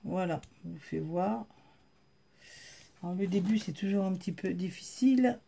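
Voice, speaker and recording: A woman's voice: fairly low pitch, normal speed, gravelly, dark tone, husky. Chatty woman with a Southern French accent. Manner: chatty, filler-heavy, addresses viewers directly. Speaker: haul vlogger. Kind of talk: casual show-and-tell chat.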